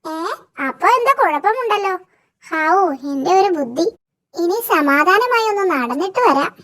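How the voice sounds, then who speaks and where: Squeaky, sly cartoon jungle animals. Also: animated, moderate pace, sharp tone, exaggerated voice. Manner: playful, giggling, sly. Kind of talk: cartoon voice acting.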